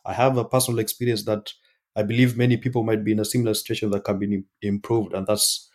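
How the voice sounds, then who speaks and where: A Kenyan man speaks as a podcast guest, telling his story with many restarts and fillers. His voice sits low and stays flat, with little rise and fall. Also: quick pace. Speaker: startup founder guest. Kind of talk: casual podcast interview.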